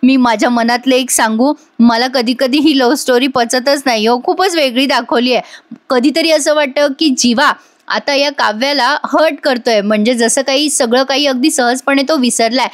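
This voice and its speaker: A woman with a high voice recaps a television serial in a voice-over. She talks to her viewers in a chatty, familiar way as she retells each scene. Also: moderate pace. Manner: chatty, addresses viewers directly. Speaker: serial review narrator.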